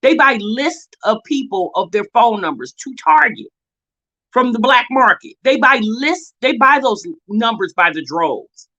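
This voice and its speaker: This American woman hosts a reaction video, giving casual, opinionated commentary in a blunt, sassy way, often exasperated and firing off rhetorical questions. Her voice is a little high and bright, with lively intonation and a forceful tone, and she speaks unhurriedly. The recording sounds muffled.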